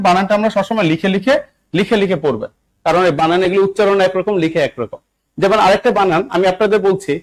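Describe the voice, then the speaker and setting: A fairly high-pitched young man with a Bangladeshi accent leads a live online spelling class. He repeats instructions over and over, coaxing students to write answers and checking that they understand. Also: rough recording. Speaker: English teacher for job exams.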